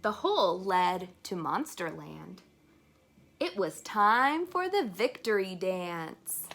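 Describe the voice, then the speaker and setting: In a mid-range voice, a woman reads an illustrated chapter book to small children with plenty of expression, pausing to pose questions to them.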